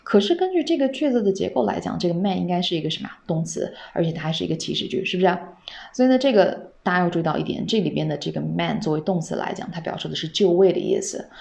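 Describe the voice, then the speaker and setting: A woman with a low, gravelly voice teaches English on a podcast. She is patient, repeats each phrase slowly and asks her listeners questions. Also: expressive, a little mellow.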